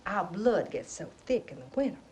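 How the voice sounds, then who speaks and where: A woman's voice: mid-range voice, big pitch swings, brisk, a little mellow, a little hiss or hum, natural voice. An actress playing a middle-aged faded Southern belle mother, genteel and nostalgic, chattering with a Southern accent and theatrical laughs. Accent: American Southern. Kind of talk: stage play acting.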